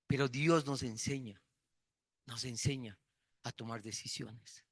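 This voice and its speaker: A man's voice: medium pitch, steady tone, a little slow, a bit bright. A man preaching a sermon, repeating key words for emphasis and telling personal stories.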